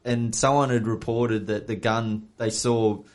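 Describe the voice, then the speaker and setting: A man's voice: fairly low pitch, fairly even intonation, measured pace, a little mellow. Laid-back Australian man telling a story. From Wollongong, Australia. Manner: rambling, swears freely, laughs mid-story. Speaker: podcast co-host. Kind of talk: casual storytelling.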